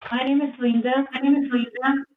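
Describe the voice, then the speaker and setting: A woman's voice: sits high, flat delivery, a little fast. A woman answers as a sales agent, polite and businesslike. Her voice comes through a tinny phone line with a faint hiss.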